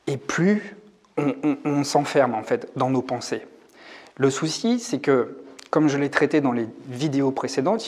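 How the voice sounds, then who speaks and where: Speaking casually to camera from a rented room, a male YouTube coach in his forties talks about hypersensitivity. His mid-range voice is a little mellow, and he sounds reflective, thinking aloud with frequent hesitations.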